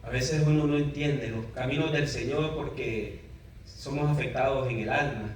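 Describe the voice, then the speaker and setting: A man's voice: medium pitch, normal speed. A man interviewing a pastor, reflecting earnestly in a preacherly way. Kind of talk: church interview, reflective comments. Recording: very echoey room, voice from far off, faint noise.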